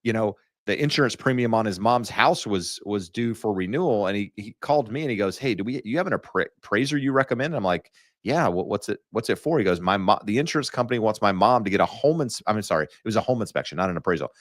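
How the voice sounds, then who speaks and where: A man's voice: fairly low pitch, lively intonation, quick pace, no room sound, studio quality. A man hosting a real estate talk show, chatting loosely with many fillers and restarts. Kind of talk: casual market talk.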